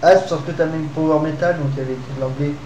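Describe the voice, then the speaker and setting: A man's voice: a little high, fairly even intonation, very fast, muffled recording. A man from Reunion Island streaming late at night, joking, swearing and laughing a lot in casual chat. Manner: jokey, swears, laughs often. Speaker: Twitch streamer. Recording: echoey room with loud background noise.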